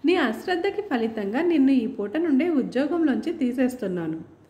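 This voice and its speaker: A woman voicing a calm, stern middle-aged officer who speaks quietly and gravely, in a storybook reading. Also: high voice, normal speed, reverberant, dull audio, a little hiss or hum.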